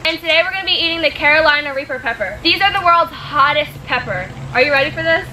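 Young female vlog host, high voice, casual to camera, noisy outdoor recording. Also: fast talker, sharp tone. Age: young adult. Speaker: video host. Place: outdoor porch, played from a video.

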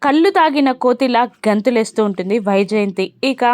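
A woman's voice: on the high side, animated, normal speed, darkish tone, dry recording. A woman casually retelling a TV serial episode, moving the story along with frequent fillers. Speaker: TV serial recap narrator. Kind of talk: casual episode recap narration.

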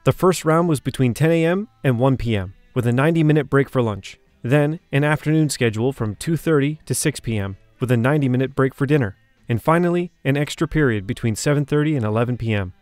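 A man's voice: mid-range voice, fast, a little mellow, no room sound, soft background music. A man reading a scripted documentary narration, shifting his emphasis from phrase to phrase.

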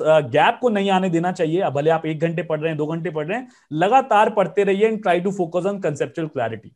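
A man's voice: high voice, a little mellow. A man hosting an interview as an exam coach, speaking Hindi mixed with in an earnest, explanatory teaching tone.

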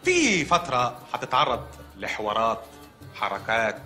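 An actor playing a matter-of-fact hospital doctor in a comedy sketch, with an Egyptian accent, calmly delivering odd news. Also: male voice, mid-range voice, normal speed, faint music behind. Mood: deadpan. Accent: Egyptian Arabic. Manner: calm, then suddenly shouting.

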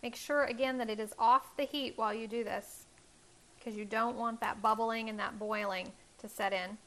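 She speaks at a normal speed in a steady yet bright, forceful tone, her pitch a little high. The woman, in her thirties, hosts a home cooking show and gives a cooking demonstration from her kitchen on a lapel mic, taking viewers through each step in a friendly, instructive manner.

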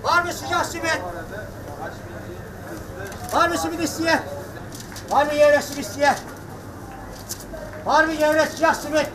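An older man gives a melodic street vendor shout, pitched very high. He calls out his wares in a busy outdoor market, with crowd and traffic clearly around him. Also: steady tone, unhurried, long pauses. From Çorum, Turkey.

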